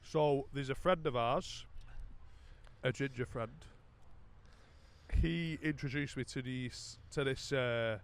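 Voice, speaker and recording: A man's voice: medium pitch, takes it slowly, pauses often, slight background noise. A British man co-hosting a podcast, telling stories casually in a drunk, rambling, sweary way. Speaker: podcast co-host.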